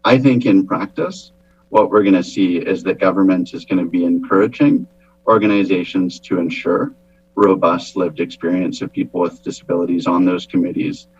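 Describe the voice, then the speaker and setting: Low, husky man explaining in a meeting. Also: fairly even intonation, normal speed, a little mellow, dry recording. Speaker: presenter to a committee. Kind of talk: formal explanatory meeting talk. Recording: dull, lo-fi meeting audio.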